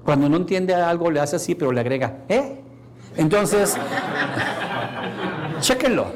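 A man's voice: on the high side, animated, unhurried. A man giving a lecture to an audience, asking them questions and acting out the voices he quotes. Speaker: course speaker.

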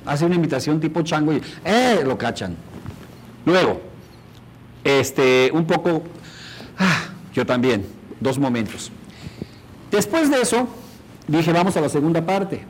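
A man's voice: fairly high pitch, big pitch swings, unhurried, long pauses, slight background noise, poor audio. A man teaching a workshop on rapport, demonstrating and often asking the audience questions. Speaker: instructor.

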